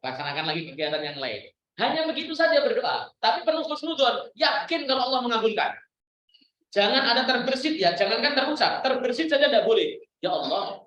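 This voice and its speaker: A man preaching a sermon, answering questions and dropping into a hushed low voice to act out prayers. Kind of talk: Islamic sermon with Q&A. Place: school hall. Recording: echoey hall, dull lo-fi sound.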